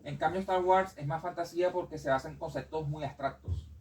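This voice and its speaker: A man's voice: fairly high pitch, fairly even intonation, a little fast, a little mellow, recorded from a distance, a little hiss or hum, poor audio. A man speaking as a panelist at a bookstore debate, rambling and correcting himself often. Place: bookstore event.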